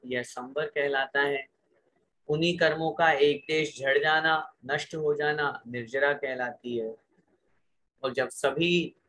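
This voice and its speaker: A man's voice: on the high side, pushed and bright. A man teaching a scripture lesson, reciting a sutra word by word and asking the class to repeat each phrase aloud.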